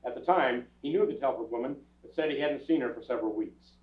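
On a theatre stage before an audience, an older man plays a terse police detective in a staged radio crime drama, narrating his case in a clipped, procedural, matter-of-fact way. His medium-pitched voice moves quickly and sounds natural. Captured by a far camera, the audio is tinny and echoey from a distance.

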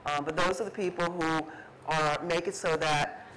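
A middle-aged woman, an artist on an art fair panel, talks casually about her photography on stage before an indoor audience, using many fillers and restarts and acting out the remarks she quotes. Her low-sitting voice is a bit bright, with fairly even intonation and a moderate pace. The rough recording has slight background noise.

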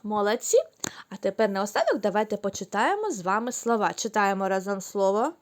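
A woman teaching young children, speaking slowly and clearly, drawing out the syllables. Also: mid-range voice, animated. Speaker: kindergarten teacher. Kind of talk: recorded online lesson for young children.

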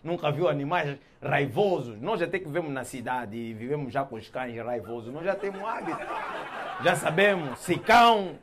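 A man doing stand-up comedy, animated and laughing often with loud exclamations. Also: a little high, moderate pace, a crowd in the background.

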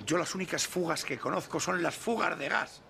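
A man's voice: fairly high pitch, fairly quick, gravelly, sharp tone, a little hiss or hum. A man with a Spanish accent playing a dry, mocking friend in a sitcom. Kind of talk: sitcom acting.

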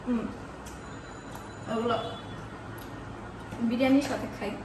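A woman's voice: a little high, fairly even intonation, slow pace. A woman food vlogger with a Bangladeshi Bengali accent, talking through a mouthful while chewing in a casual food review. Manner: chatty, savoring food with little hums. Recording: echoey room, from far off, noisy.

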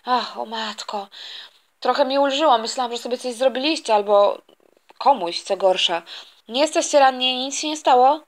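A woman's voice: fairly high pitch, moderate pace, lightly acted. A woman voicing a worried, scolding toy mother. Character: bustling caring mother of two kids. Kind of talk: toy storytelling with voices.

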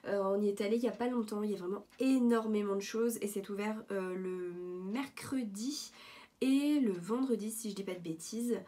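Mellow-voiced woman chatting casually. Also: mid-range voice, normal speed. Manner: chatty, hesitant with many fillers and restarts. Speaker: vlogger showing thrift finds. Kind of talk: casual show-and-tell vlog. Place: at home, indoors.

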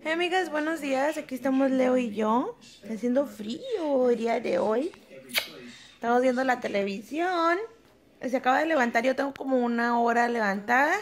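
A young Mexican woman vlogging at home in a high, bright-pitched voice. She chats lively and informally to her followers. Her talk stays casual and conversational. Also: moderate pace, a crowd in the background. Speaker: vlogger and mother. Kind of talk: casual vlog chat.

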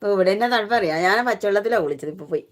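A woman's voice: medium pitch, lively intonation, very fast. Woman on a live stream, chatty and affectionate, greets everyone by name, easy casual talk.

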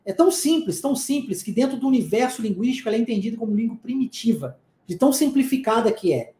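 A man's voice: extremely high pitch, sing-song, fast talker, warm tone. A man with a Brazilian Portuguese accent, teaching an English lesson. He explains points emphatically, repeats them, and keeps checking in with short tag questions. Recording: roomy echo.

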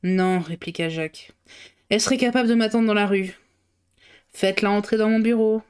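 Woman reading a calm, firm journalist. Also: medium pitch, brisk, clean tone, close to an everyday voice. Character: cool young male journalist, calm and firm.

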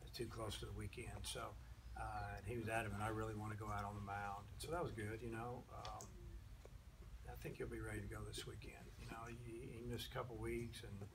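After a game, a college baseball coach answers reporters in a plain-spoken manner, saying "you know" a lot. His voice is lowish, level, a bit fast and gravelly with vocal fry, picked up by distant table mics at an outdoor press area with a sponsor backdrop, so outdoor noise comes through.

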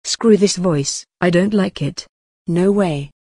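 A synthetic female voice playing an indignant, easily outraged pupil in an animated video. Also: lowish voice, takes it slowly, breathy edge, no echo, clean studio sound, full character voice. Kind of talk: animated school video dialogue.

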